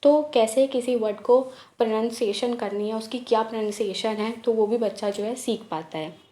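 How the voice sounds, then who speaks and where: A woman with a fairly high voice and a mellow, rounded tone teaches a lesson. She explains each point step by step with many fillers, and she reads the English headings slowly and deliberately. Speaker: teacher-training tutor.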